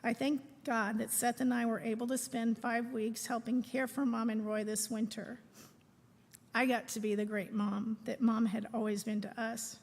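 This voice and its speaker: A middle-aged woman reads a prepared eulogy aloud in a measured, phrase-by-phrase way, speaking in a large room. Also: on the high side, little pitch movement, darkish tone. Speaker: daughter giving a eulogy. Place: large room at a memorial service. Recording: echoey hall with long reverb.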